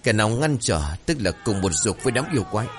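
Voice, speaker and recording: Guy doing a crazed old bearded elder from a horror storybook, shrill chanting, fast. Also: lively intonation, background noise, natural voice. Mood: fanatical. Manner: shrieking chant-like.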